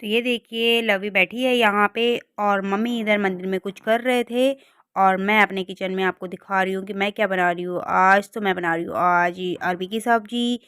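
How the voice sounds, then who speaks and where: A woman's voice: medium pitch, fairly even intonation, moderate pace, fairly bright tone, smooth, dry recording, studio quality. Chatty woman narrating a home vlog. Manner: chatty, cheerful running commentary. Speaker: vlogger.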